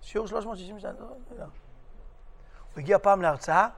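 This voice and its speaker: High-voiced animated rabbi storyteller. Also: male voice, creaky. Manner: lively storyteller, switching voices for characters, jokey. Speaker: rabbi giving a lecture. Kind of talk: animated sermon with acted-out stories.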